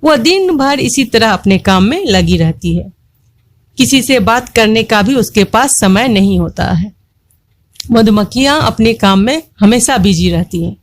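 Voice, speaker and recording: A woman's voice: a little high, expressive, measured pace. A woman teacher explaining a textbook story to children, repeating lines and asking them questions.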